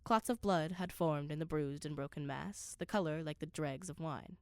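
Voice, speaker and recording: A woman plays an earnest scholar narrating an undersea voyage in a radio play, her delivery precise, literary, and dramatic, with a measured, puzzled mood. Her voice is low-pitched at a moderate pace, recorded in studio quality with no echo.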